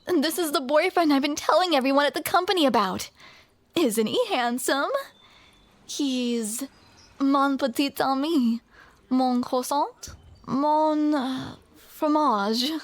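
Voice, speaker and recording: There is no room sound as a young woman in a high voice performs a romantic comedy roleplay right up against the mic. She sounds playful and flustered, speaking slowly and laughing awkwardly now and then.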